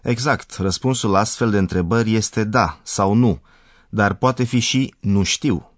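A man presenting a scripted radio language lesson as the professor, explaining clearly and didactically. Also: on the low side, dry recording. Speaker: language teacher.

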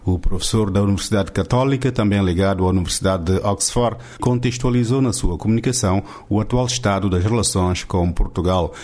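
A male reporter narrates a scripted radio piece. His pitch is on the low side. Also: fairly quick, a little mellow.

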